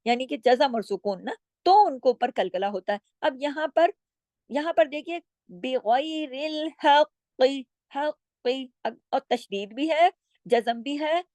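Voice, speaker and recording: A woman teaching Quran recitation rules. She explains patiently, stretches each example word out slowly, and often checks in with her listeners. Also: sits high, lively intonation, dark tone, no room sound. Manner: draws out words slowly when demonstrating. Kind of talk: recitation lesson with slow demonstrations.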